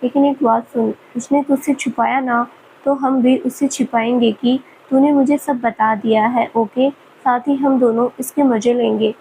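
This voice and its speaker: Brief: woman narrator voicing a doting mother who nags lovingly, high mellow tone. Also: steady tone, measured pace, a little hiss or hum, rough recording. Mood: affectionate. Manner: scolding yet loving, motherly. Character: affectionate scolding mother, middle-aged woman.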